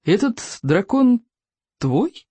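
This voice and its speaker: Read by a narrator, a massive middle-aged Viking chief in a storybook, bossy and roaring. His bellows jump high and strained, far from an everyday voice. The sound is dry and close. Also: very animated, extremely slow, mellow, husky, no echo, exaggerated voice. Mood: gruff puzzled. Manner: roaring, commanding. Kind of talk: audiobook reading.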